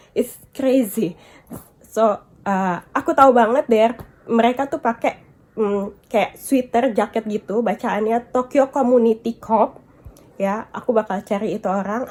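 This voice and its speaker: A woman's voice: medium pitch, a little mellow. A woman vlogger venting about being scolded, upset and tearful at times, mixing English and Japanese words into her talk. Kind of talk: emotional storytime vlog.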